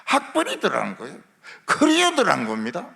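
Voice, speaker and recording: Animated preacher with a lilt. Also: male voice, high voice, quick pace, vocal fry. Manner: lively preaching with rhetorical questions and humor. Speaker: pastor. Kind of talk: revival sermon. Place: large church sanctuary. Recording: long church hall reverb.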